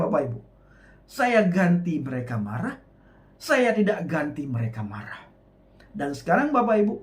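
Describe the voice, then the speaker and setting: A middle-aged man preaches his own testimony with emphatic force. His voice sits a little high for a man, and his pitch swings widely from phrase to phrase. He keeps turning to address his listeners directly.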